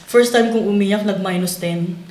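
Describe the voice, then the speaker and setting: Woman in her 50s from the philippines, chatty and laughy, telling stories, mid pitch, kinda echoey room. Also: normal speed, a crowd in the background. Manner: chatty, often laughing while recounting. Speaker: interview guest. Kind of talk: casual storytelling chat.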